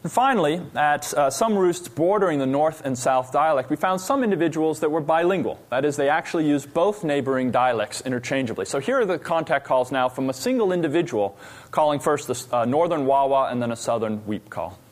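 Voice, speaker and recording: A man's voice: fairly high pitch, lively intonation. Man giving an academic lecture. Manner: explanatory, pausing with frequent "uh" fillers.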